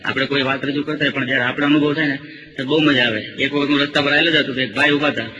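Bright-voiced male comic storyteller. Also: medium pitch, rapid-fire, slight background noise. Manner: lively anecdotal delivery with acted quotes. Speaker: comedian and mimicry artist. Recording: slightly dull recording.

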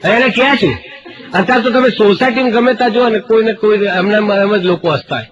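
A man's voice: sits high, quick pace. A middle-aged man doing stand-up comedy, telling jokey anecdotes, acting out dialogue and reciting couplets. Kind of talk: Gujarati stand-up comedy storytelling. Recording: muffled radio recording.

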